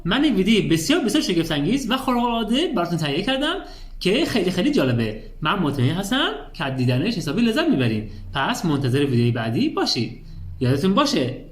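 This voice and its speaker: A man's voice: high-pitched, sing-song. A man with a Persian accent teaching English pronunciation, explaining each letter and repeating example words emphatically. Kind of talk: language lesson. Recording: echoey room, from far off.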